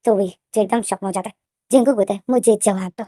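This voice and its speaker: A woman's voice: mid-range voice, fairly even intonation, rapid-fire, dark tone, no echo, studio quality. A woman casually retelling a fan-fiction story, narrating in a repetitive, rambling way.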